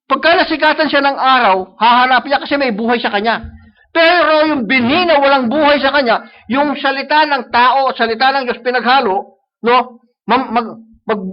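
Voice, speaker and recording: A man with a Filipino accent preaching a sermon, switching between Tagalog and English and often asking "no?" to the congregation. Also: very high voice. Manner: mixes Tagalog and English, repeats "sabi niya" and "no?". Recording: dull lo-fi live stream audio.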